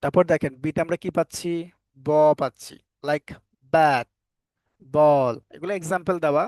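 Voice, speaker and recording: A man's voice: a little high, moderate pace, a little mellow, no echo. A man teaching a live online English phonics class, asking the students questions over and over and scolding them firmly at times.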